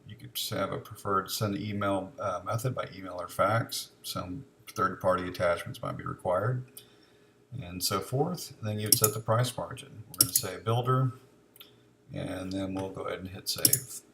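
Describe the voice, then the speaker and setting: A low-voiced man gives a casual step-by-step screencast walkthrough of some software, speaking at normal speed with a creaky quality. Keyboard typing, mouse clicks and general noise sit in the background.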